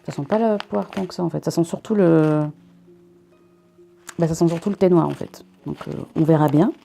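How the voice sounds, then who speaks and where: A young woman from northern France near the Belgian border reviews a subscription box as a vlogger, chatting casually while unboxing with jokey asides and often breaking off her own sentences. Her voice sits low, warm and fried, at normal speed. Faint music plays behind her.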